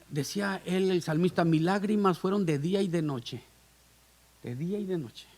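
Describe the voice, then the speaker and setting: A male guest pastor preaching with fervor, his voice sitting high. He keeps addressing the congregation as brothers, pushing his lines with urgency in a church setting. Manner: impassioned preaching, calls on listeners as brothers. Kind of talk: sermon. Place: church hall.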